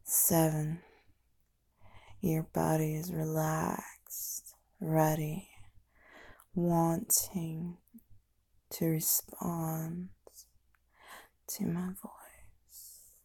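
A woman doing a whispered ASMR hypnosis, speaking in a slow, soft, unvoiced whisper as she counts down. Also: low voice, monotone, creaky, slightly rough. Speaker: ASMR performer.

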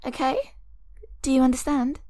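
A woman voices a captor who is obsessed with her lover in an audio roleplay drama, cooing in breathy whispers and giggles that mask cruelty under sweetness. Her voice is high with a dark tone, and the recording is dry.

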